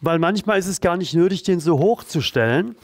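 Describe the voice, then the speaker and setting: A man leading a guided exercise routine, calm and encouraging, talking while he does the moves himself. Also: high-pitched, a little fast, no echo, clean studio sound. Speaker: therapy coach leading exercises.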